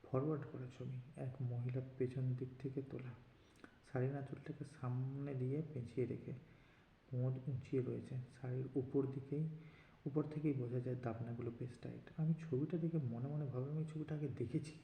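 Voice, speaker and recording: A man narrating a written story in a steady reading voice, shifting into character quotes now and then. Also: medium pitch, normal speed, vocal fry. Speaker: story reader. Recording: dull lo-fi roomy recording, faint hiss.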